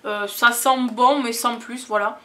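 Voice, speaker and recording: A woman's voice: fairly high pitch, steady tone, measured pace, fairly bright tone. A young woman chatting enthusiastically in a casual haul vlog, gushing as she shows what she bought. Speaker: beauty vlogger.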